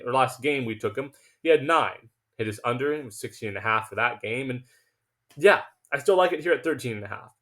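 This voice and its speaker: A man hosting a sports betting picks video, talking emphatically and confidently, sometimes tripping over his words. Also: mid-range voice. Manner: emphatic, confident, self-assured; stumbles and restarts when excited. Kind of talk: casual betting picks monologue.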